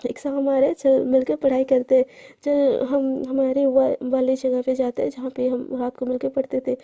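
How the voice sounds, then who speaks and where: A woman narrator doing a heartbroken young student girl, soft and wistful, high mellow voice, muffled lo-fi storybook recording. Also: monotone, normal speed, vocal fry.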